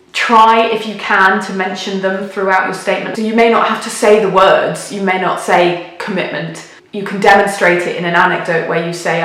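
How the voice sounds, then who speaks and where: A strong hall-like echo surrounds this British woman's voice, which sits a little low. She speaks straight to her viewers as a host giving advice. Her delivery is emphatic and encouraging, with key words repeated for stress. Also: fairly bright tone. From United Kingdom. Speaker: video host, midwifery adviser. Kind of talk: direct-to-viewer advice video. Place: echoey, sparsely furnished room in a house. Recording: big echoey hall-like room sound.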